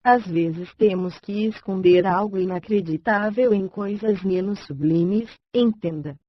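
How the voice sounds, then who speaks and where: A synthesized text-to-speech woman's voice with a Brazilian accent, reading a scripted audiobook in an even, measured way. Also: mid-range voice, highs cut off.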